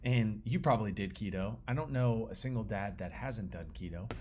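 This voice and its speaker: A man's voice: fairly low pitch, normal speed, a little mellow. Man, thirties, fitness coach, casual slangy storytelling, faint background noise.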